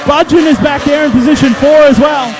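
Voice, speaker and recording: An Australian man calling a race as a motorsport commentator, excited, colloquial and punchy. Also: very high-pitched, a little fast, noisy background. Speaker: speedway race commentator and trackside interviewer. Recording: loud race car engines behind the voice. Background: race cars, engines and tyre squeal.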